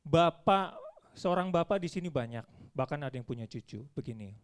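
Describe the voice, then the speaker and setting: Male preacher with a high voice, animated storyteller, church sermon. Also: a little fast, clean tone. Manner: animated storytelling, acts out dialogue.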